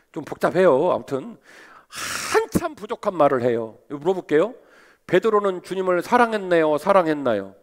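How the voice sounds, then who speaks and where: Male pastor, sermon, fairly high voice that rises and falls a great deal, rhetorical questions. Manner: animated, asks the congregation rhetorical questions.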